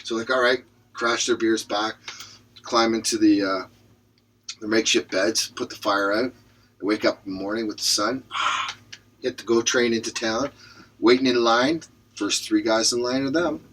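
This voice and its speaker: A man co-hosting a podcast, telling a long joke in a lively storytelling manner and acting out the characters. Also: on the low side, normal speed, long pauses. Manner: animated storyteller, acts out voices. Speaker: podcast co-host. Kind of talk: casual joke-telling and chat.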